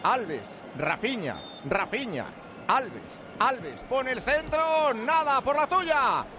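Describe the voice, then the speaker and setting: High-voiced man calling football live. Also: big pitch swings, noisy background. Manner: rapid, rising play-by-play calls. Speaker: play-by-play commentator. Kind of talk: live football radio commentary.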